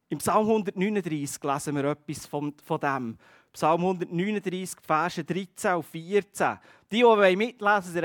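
A man preaching a sermon, earnest, speaking straight to his congregation and slowing on key phrases. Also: a little high, no echo, clean studio sound. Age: adult with a child.

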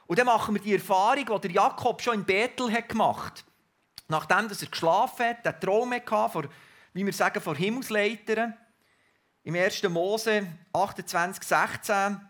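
A man preaching a sermon in an earnest, reflective way with pauses. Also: high voice, a bit bright.

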